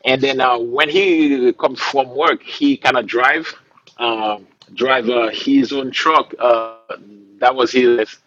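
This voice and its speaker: A man's voice: mid-range voice, fairly even intonation, slow, a bit bright, dull audio. A man from Haiti, a musician, talking in a laid-back way with fillers and laughs in a casual interview. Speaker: musician guest.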